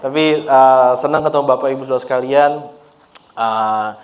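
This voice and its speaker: A man preaching at a church service with an easygoing, conversational manner. His voice sits at an ordinary middle pitch, and he talks to the congregation as if chatting with friends, dropping English words into his speech. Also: normal speed, lo-fi sound. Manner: relaxed and chatty, laughs often, mixes in English words. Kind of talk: conversational sermon.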